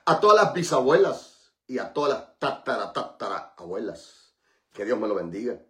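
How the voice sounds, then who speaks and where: Hosting a radio prayer program, this pastor has a mid-range voice with big pitch swings, a sharp tone and normal speed, heard in an echoey room. His fervent, repeated invocations give way to chatty, joking talk with listeners between prayers.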